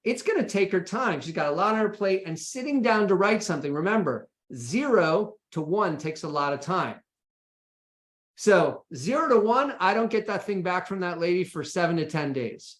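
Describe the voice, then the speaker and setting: Speaking at a moderate pace, this American man has a high, animated voice. His informal, practical presentation feels like a conversation, with frequent check-ins such as "right?" and "okay?". The space around him sounds echoey.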